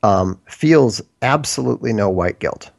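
Appearing as an interview guest, a Minnesota man chats in a casual, meandering way. He has a gravelly, lowish voice and speaks with animation but without hurry.

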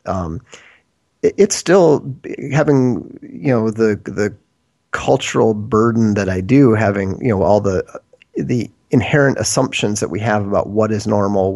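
A man's voice: on the low side, gravelly, a little mellow. A man from Minnesota, a guest in a casual, rambling discussion. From United States, Minnesota. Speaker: interview guest.

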